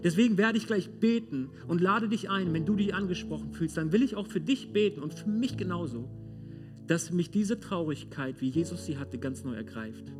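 Preacher, male, high voice, direct and searching, loud-soft swings, guitar playing clearly beneath him. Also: animated, moderate pace. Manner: talks straight to listeners with rhetorical questions; swings between loud stress and hushed softness. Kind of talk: sermon. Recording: sermon with clear guitar music underneath. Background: guitar music.

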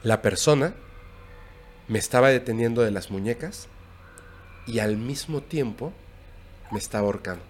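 Hombre mexicano contando una historia de miedo. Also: male voice, mid-range voice, slight background noise. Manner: recounting a scary story, hushed and halting. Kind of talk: casual storytelling.

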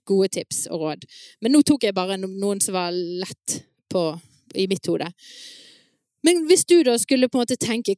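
A woman speaking to parents at an evening event, telling stories in a lively, chatty way with frequent laughs. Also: medium pitch, dry recording, studio quality. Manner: many fillers and restarts, asks the audience "sant?". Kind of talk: live talk to an audience.

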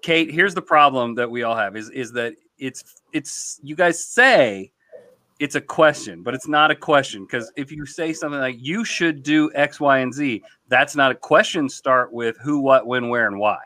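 A man's voice: medium pitch, normal speed, pushed and bright, no room sound. A man hosting a podcast, joking loosely in casual group banter and reading listener questions. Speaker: podcast host.

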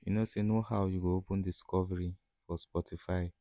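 A man's voice: low voice, flat delivery, fairly quick, warm tone, no echo. A man with a Nigerian accent chats casually as a solo podcast host, in informal, slangy speech that often slips into Pidgin.

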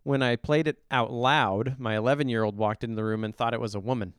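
A man's voice: mid-range voice, fairly even intonation, fast talker, clean tone, no echo, studio quality. A middle-aged man co-hosting a podcast, giving blunt, opinionated song reviews in casual chat. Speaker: podcast co-host reviewing songs.

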